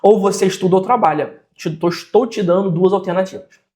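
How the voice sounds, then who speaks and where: A teacher with a Brazilian accent walks through a grammar lesson at an even, medium pitch. Examples come again and again, with frequent checks that the listener is following. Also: a little fast. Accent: Brazilian Portuguese. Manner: patient, repeats examples, checks in often.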